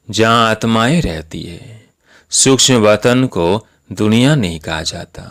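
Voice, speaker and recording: Low-voiced guy reading a devotional sermon, calm and measured, kinda gravelly. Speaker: spiritual discourse reader.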